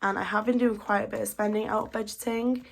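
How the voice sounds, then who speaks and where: A budgeting vlogger in her 20s chats casually while steadily counting cash notes aloud, sounding slightly blocked up from a cold. Her medium-pitched voice is gravelly and a little fast. There is slight background noise.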